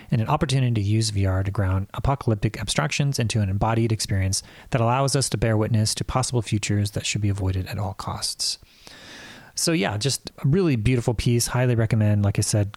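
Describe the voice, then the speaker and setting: A man's voice: on the low side, a little mellow, no echo. A man hosting an interview podcast, casual and conversational, with loose phrasing. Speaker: podcast host. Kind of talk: podcast intro and interview questions.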